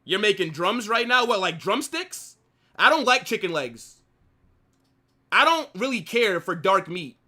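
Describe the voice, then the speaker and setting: A man with a high-pitched voice, speaking a little slowly, hosts a live football watch-along stream. He banters animatedly, reading his chat aloud and reacting casually.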